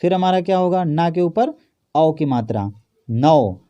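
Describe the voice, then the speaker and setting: A man with a fairly high but mellow, dark voice teaches an exam-prep grammar lesson. He poses each question to his students and then answers it himself, going through the examples one step at a time. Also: expressive, unhurried, dull audio. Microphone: phone or camera over a notebook.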